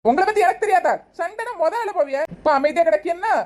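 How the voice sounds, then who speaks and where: A woman's voice: very high-pitched, lively intonation, fast, a little mellow. A woman playing a bossy, sarcastic daughter-in-law. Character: sharp-tongued young daughter-in-law. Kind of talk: village comedy sketch.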